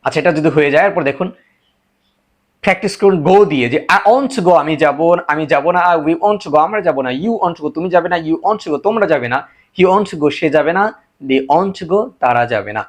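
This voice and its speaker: A man teaching a spoken English lesson, a Bengali speaker who repeats example sentences slowly and translates each one. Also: on the high side, animated.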